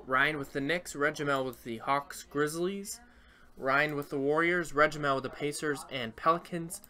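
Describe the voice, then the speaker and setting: A man hosting a live card break, briskly reading out buyers' names and their teams, with the hiccups. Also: a little high, pushed and bright.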